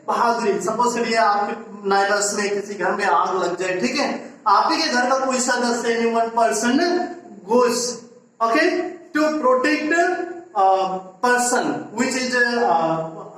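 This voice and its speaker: Indian male teacher giving a slow, repetitive classroom lesson; recorded in a very echoey room, far from the mic. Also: extremely high pitch, a bit bright. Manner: mixes Hindi and English, repeats "ठीक है" often; slow, deliberate explaining with frequent rhetorical questions.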